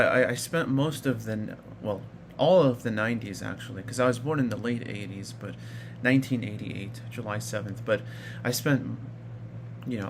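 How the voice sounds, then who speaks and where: There's background noise as a man in his thirties from Iraq, speaking at a medium pitch, vlogs his personal story. He rambles casually, with lots of fillers and restarts.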